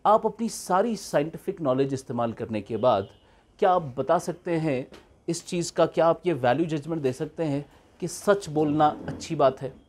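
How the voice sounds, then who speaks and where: In an online economics class, a male teacher alternates between deliberate, slow English and faster Hindi and keeps making sure students follow. His voice is on the high side and a little mellow.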